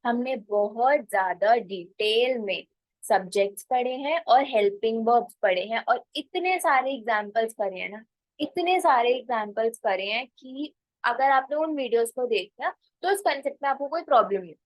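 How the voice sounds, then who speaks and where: High-voiced woman teaching English. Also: lively intonation, no room sound, low-quality recording. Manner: explains step by step, repeats phrases slowly. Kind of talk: spoken English lesson in Hindi.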